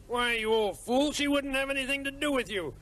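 A man's voice: very high voice, brisk, a bit bright. An actor voicing a grouchy, sardonic very old man, a theater heckler in a puppet comedy, with an aged voice and dry delivery. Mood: grumbling. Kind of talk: puppet comedy character acting. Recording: very noisy TV soundtrack with audience.

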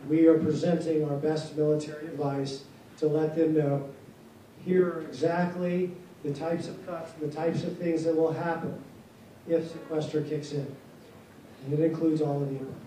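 A man leads a town hall as base commander, speaking in a measured, plainspoken, formal way. His voice is dark and mellow, slightly high. It is recorded from far off in a large echoey hall with a faint hiss. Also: little pitch movement. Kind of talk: answering questions at a town hall. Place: large carpeted hall with seated audience.

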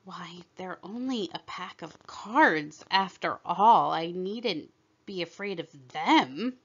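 A woman voicing a polite young girl in a storybook, courteous and gentle, on a slightly dull recording. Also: lowish voice, animated, slow, full character voice. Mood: self-assured.

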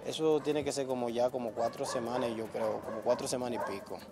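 A man's voice: medium pitch, fairly even intonation, a little fast, crowd noise. A man, the father of a victim, retelling events in a rambling, agitated way during an outdoor street interview.

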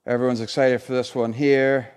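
A man of about forty hosts a live draw in an informal, chatty way. His voice sits at a medium pitch, heard a few feet from a phone camera indoors. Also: flat delivery, moderate pace, darkish tone, clean tone. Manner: chatty, colloquial. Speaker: competition draw host. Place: indoor showroom unit with a car and screen.

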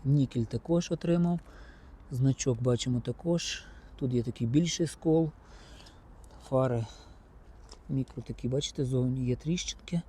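Mellow-voiced man touring a car lot. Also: mid-range voice, normal speed, pauses often. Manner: chatty, addresses viewers directly as friends. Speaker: car-market vlogger. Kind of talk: casual on-the-spot car inspection vlog. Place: outdoor used-car market.

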